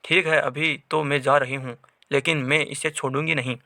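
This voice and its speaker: A man's voice: a little high, fairly even intonation, moderate pace, vocal fry, bright, forceful tone, no room sound. Possessing female spirit, menacing, voiced plainly by a man, dry close sound. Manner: threatening.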